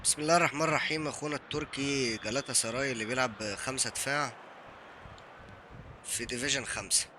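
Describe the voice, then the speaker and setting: A young Egyptian man with an Egyptian accent, live-streaming a football game and giving excited commentary while he taunts his opponent. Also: medium pitch, fast talker, noisy background. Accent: Egyptian Arabic. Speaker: gaming streamer.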